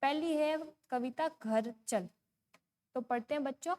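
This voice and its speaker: A woman with a Rajasthani Hindi accent teaches a class of young children, with a high, clear pitch. She speaks very slowly, drawing out each chanted line of verse. She often poses a question and answers it herself. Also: darkish tone. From India. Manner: chants poem lines slowly, asks and answers her own questions. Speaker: primary school teacher. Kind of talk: slow recited Hindi lesson for young children.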